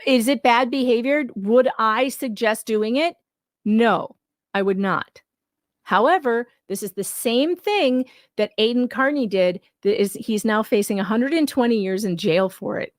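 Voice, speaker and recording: Rather high in pitch and speaking a little slowly, a woman who works as a livestream commentator and video host gives casual live commentary on a legal case. Skeptical and argumentative, she reads claims aloud, rebuts them, and repeats her points for emphasis. The audio is studio quality with no echo.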